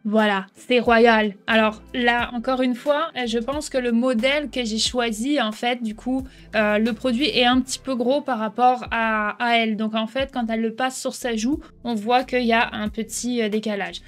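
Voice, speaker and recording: A woman hosting a casual software tutorial, explaining step by step and checking in with the viewer often. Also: on the high side, steady tone, normal speed, few pauses, faint music behind. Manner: chatty, explains step by step, keeps asking "d'accord?". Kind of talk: casual screen-recording tutorial.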